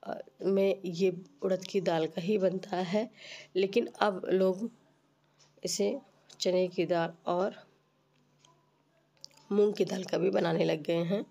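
Female cooking host, lowish pitch, congested and slightly rough from a cold, instructing informally. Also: steady tone, slow, pauses often, dark tone, muffled recording. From Uttar Pradesh, India. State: stuffy nose and rough voice from a cold. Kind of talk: recipe tutorial narration.

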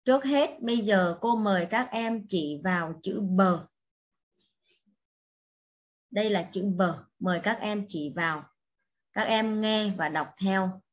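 Slow patient lady teacher walking little kids thru english words, kinda muffled recording. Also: medium pitch. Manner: patient, repeats words for pupils to echo. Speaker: primary school English teacher. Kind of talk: slow classroom instruction for young children.

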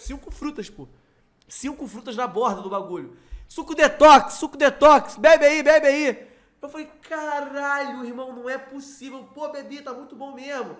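Rio-young man, host, high voice, excited slangy storytelling with lots of swearing. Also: brisk. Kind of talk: casual storytelling.

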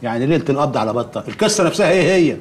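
An impatient Egyptian official in a TV sitcom. He fires off words very fast with lively rises and falls. His tone stays brusque and sarcastic. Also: on the high side, breathy edge. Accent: Egyptian Arabic.

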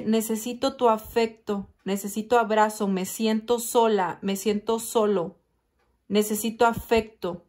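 A woman giving a slow, emphatic tarot reading straight to the listener, often calling them "corazón". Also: a little high. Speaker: tarot reader. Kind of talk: intimate direct-to-camera tarot reading.

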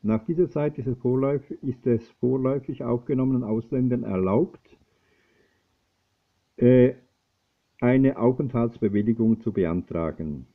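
A man reading a news feature aloud, steady but with frequent slips and restarts. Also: medium pitch, normal speed. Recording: tinny phone-like lo-fi recording.

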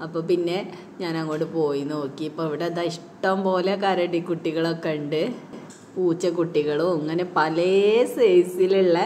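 A chatty mom from Kerala with a low female voice and a Malayalam accent narrates a casual walk-around vlog of a large indoor shopping mall, touring it with her daughter and filming on a phone as she walks. She tends to close sentences with a soft "tto," and a little hiss or hum is audible.

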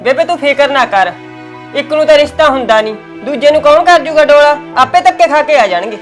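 A high-voiced woman with a Punjabi accent talks fast and argues back in a village family skit. She is quick, sharp-tongued and defensive, and there is faint music under her voice. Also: animated. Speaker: daughter-in-law in a family skit.

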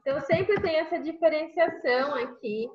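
A woman's voice: high voice, moderate pace. A woman with a Brazilian Portuguese accent teaching an online English class, explaining patiently step by step and checking in with tag questions over a video call. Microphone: computer microphone on a video call. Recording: echoey, muffled video call audio.

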